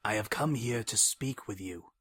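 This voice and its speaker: A man voicing a gentle, anxious winged monster pleading with his brother in a soft, measured, theatrical dramatic reading. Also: on the low side, breathy edge. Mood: earnest, pleading.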